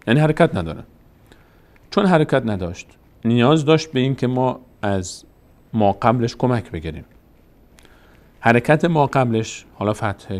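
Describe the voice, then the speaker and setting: A man teaching Quran reading in a patient, step-by-step way, posing questions and answering them himself. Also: lowish voice. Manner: patient, explanatory, asks and answers his own questions. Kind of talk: recorded lesson.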